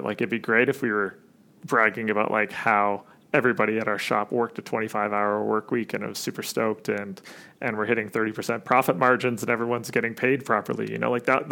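A man's voice: mid-range voice, vocal fry, a bit bright. A man who runs an agency, answering interview questions in a casual, reflective way with many fillers. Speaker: agency CEO, guest.

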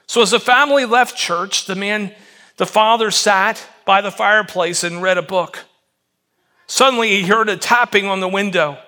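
A middle-aged pastor preaching a Christmas sermon in a high, bright voice. He tells the story earnestly and often drops to a softer, quieter tone for emotional moments. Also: moderate pace.

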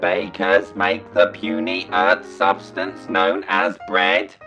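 A man's voice: fairly low pitch, wildly swooping pitch, slow pace, creaky, bright, forceful tone, soft background music, full character voice. A man voicing a bossy, impatient male Dalek quizmaster through a robotic voice modulator, barking staccato commands. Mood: droning.

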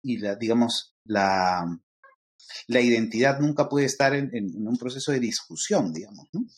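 A man's voice: mid-range voice, expressive, normal speed. A middle-aged man from Lima with a Peruvian accent, explaining ideas to a podcast host in a lecturing way, with frequent fillers like "este". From Peru. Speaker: guest expert on interculturality.

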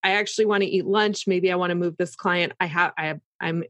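A woman's voice: lowish voice, steady tone, fast talker, a bit bright, no room sound. Woman explaining things casually, dry sound.

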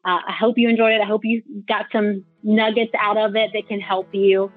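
A woman's voice: medium pitch, little pitch movement, brisk, dry recording, soft background music. Woman presenting over a tinny phone-like line. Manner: conversational, addresses listeners directly. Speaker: financial advisor presenting a webinar. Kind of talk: informal webinar presentation.

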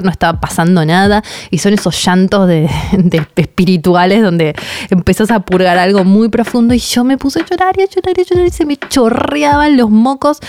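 Woman telling a story, animated. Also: medium pitch, slight background noise. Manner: animated, laughs often while telling. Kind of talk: casual storytelling.

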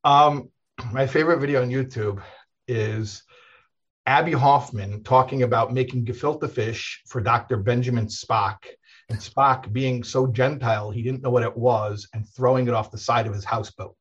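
A man, a rabbi, telling stories in a casual, animated conversation, often chuckling and restarting his sentences. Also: mid-range voice, moderate pace, husky, dull audio.

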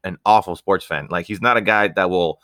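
A man's voice: low voice, brisk, pushed and bright, no room sound, clean studio sound. A young man hosting a casual podcast chat in a joking, laid-back way. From United States. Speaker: podcast host.

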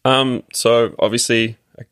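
A man's voice: mid-range voice, steady tone, a little slow, a bit bright, clear, resonant tone, no echo, clean studio sound. A man with an Australian accent, a podcast guest chatting casually and hesitantly, with many ums and restarts. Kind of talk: casual interview chat.

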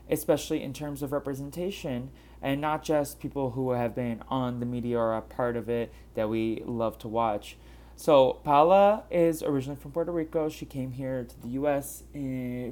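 A man's voice: mid-range voice, darkish tone. A man from Brazil hosting a casual podcast interview, chatty and loose, with many fillers and restarts. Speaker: podcast host.

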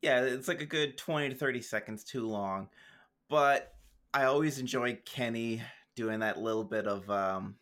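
This man, a podcast co-host, chats casually while recapping a show, tossing in easygoing dry asides and frequent laughs. He speaks at a moderate pace in a medium-pitched, slightly bright voice.

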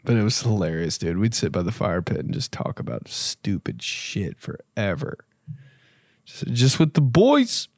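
A young podcast host with a fairly low, very animated voice answers listener questions in a casual, laid-back chat. He's unhurried, rambling, and profane, and the recording is studio quality with no echo.

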